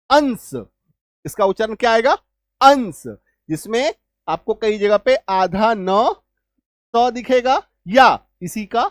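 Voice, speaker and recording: A male teacher explaining English spelling rules, spelling out letters slowly and often asking whether the class has understood. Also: sits high, no room sound, studio quality. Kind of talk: spoken spelling lesson.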